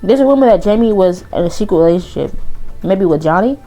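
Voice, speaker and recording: A woman's voice: mid-range voice, lively intonation, quick pace, mellow, soft background music, lightly acted, low-quality recording. Woman voicing a possessive teenage girlfriend. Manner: insistent, defensive. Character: possessive teenage girl, coach's daughter.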